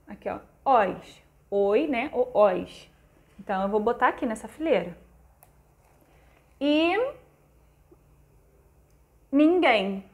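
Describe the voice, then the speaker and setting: A woman's voice: a little high, darkish tone. A Brazilian woman teacher reading from a textbook and patiently walking pupils through grammar exercises, often checking with "tá?". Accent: Brazilian Portuguese. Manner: patient, explanatory, frequent "tá?" checks; reads textbook aloud and walks through exercises. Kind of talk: recorded class lesson.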